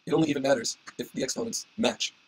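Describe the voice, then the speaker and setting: A man giving an informal tutorial as an instructor, with a husky, strained voice that is giving out. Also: fairly high pitch, sing-song, quick pace, rough recording. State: losing his voice, hoarse. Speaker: instructor explaining algorithm analysis.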